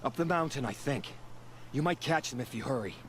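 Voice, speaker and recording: A man's voice: medium pitch, animated, a little fast, fairly bright tone, close to an everyday voice. An actor playing a frightened, grumbling male herb gatherer in a video game. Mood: fretful. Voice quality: grumbling, fretful. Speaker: game character. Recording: game audio with faint background noise.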